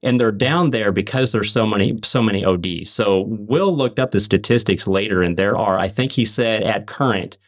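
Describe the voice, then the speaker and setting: A man on a podcast telling an earnest faith testimony, emphatic, often restarting and repeating words. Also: on the low side. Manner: emphatic, fast and repetitive restarts. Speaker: podcast host.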